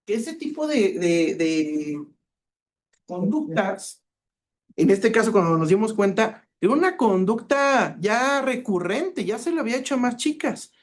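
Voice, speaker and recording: A man's voice: high-pitched, unhurried. Mexican guy giving a talk, tells cases like stories, acts out the quotes. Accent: Mexican Spanish. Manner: lively storyteller, acts out quoted dialogue. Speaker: cybersecurity expert speaker. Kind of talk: conference talk with anecdotes.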